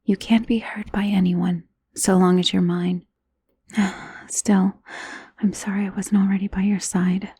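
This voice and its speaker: In a close ASMR romance roleplay, a woman plays a confident, powerful vampire who guards and possessively claims her lover, often dropping into a breathy whisper. Her medium-pitched voice is warm, flat in delivery and measured, tender and soothing in feel.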